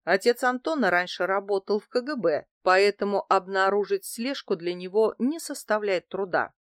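A woman's voice: medium pitch, normal speed, no echo, studio quality, close to an everyday voice. Woman voicing a smug flirtatious businessman. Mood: explaining. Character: smug married male travel agency director. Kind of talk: audiobook character voicing.

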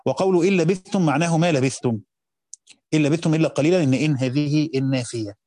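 A man with an Egyptian accent reading a classical commentary aloud and explaining it as a teacher. He reads quickly and slows down to explain points of grammar. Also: fairly high pitch, dark tone, no echo, studio quality.

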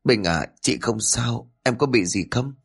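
A man voicing a frightened young woman in a spoken story, pitching his voice up into a soft, pleading tone. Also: expressive, a little slow, vocal fry, breathy edge, exaggerated voice. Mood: gentle.

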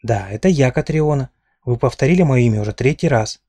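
Man doing young captive woman, sarcastic, defiant, mocking, mellow voice, storybook. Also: medium pitch, expressive, brisk, husky, no room sound. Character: sharp-tongued young captive princess, mocking.

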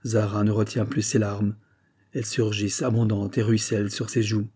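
A man narrating an audiobook in a steady, measured reading. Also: lowish voice, breathy edge.

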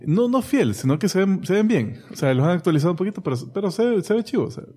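A man, co-hosting a casual chat about comics news, relaxed and hesitant with many fillers. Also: sits high, fast talker, breathy edge. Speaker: podcast co-host.

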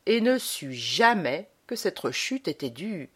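Woman audiobook reader, expressive dramatic storytelling, very lively pitch. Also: a little slow, slightly rough. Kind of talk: scripted narration of a short story.

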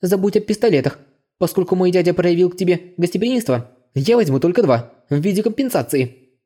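A man's voice: sits high, brisk, warm tone, pitched above the performer's own voice. A man voicing a sneaky, greedy young male thief in an audiobook, snickering and scheming under his breath. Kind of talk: audiobook character voice.

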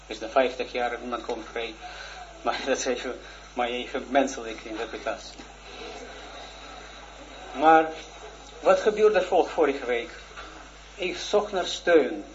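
A man in his forties, a religious teacher, giving a shy, earnest personal testimony in a lesson, halting and full of restarts. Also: medium pitch. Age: 40s. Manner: halting, hesitant, with many restarts. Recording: dull lo-fi recording with faint noise.

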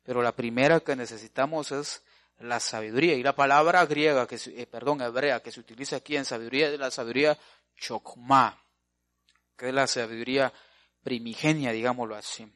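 A pastor preaching a sermon, asking his congregation questions and swinging between loud and soft. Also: medium pitch, fairly quick.

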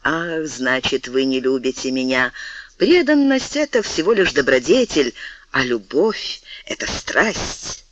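A man's voice: mid-range voice, big pitch swings, measured pace, a bit bright, no echo, voice pushed down. A man voicing a lovesick nobleman who pleads fervently with the woman he loves. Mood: pleading. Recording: dull lo-fi dry recording.

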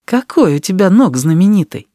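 Guy doing a schoolgirl, high and indignant, dry close audiobook sound. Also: very animated, moderate pace, dark tone, dry recording. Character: timid bold schoolgirl, quick to defend.

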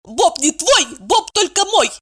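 A woman voicing an excitable, tearful woman friend with a shrill, high, sobbing voice. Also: a little slow, heavily acted.

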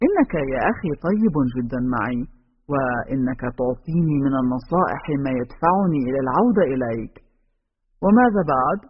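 A remorseful young man, as a male narrator puts him on, pleading in a lowered, soft, husky voice. The audiobook recording sounds dull, with a long, hollow reverb. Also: sing-song, quick pace.

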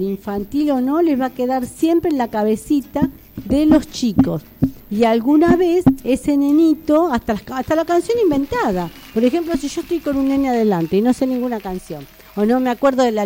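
A woman's voice: sits high, dark tone. A woman hosting a radio show, chatting playfully with children and coaxing them to the microphone. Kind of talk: casual radio chat with children. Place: studio with children around a microphone. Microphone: studio microphone.

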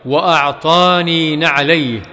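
A man reads hadith aloud at a slow, deliberate pace, his voice sitting a little higher than most men's. Some phrases rise into a melodic chant, and a long hall reverb trails after each line. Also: pushed and bright. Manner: measured, careful reading. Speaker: hadith reader.

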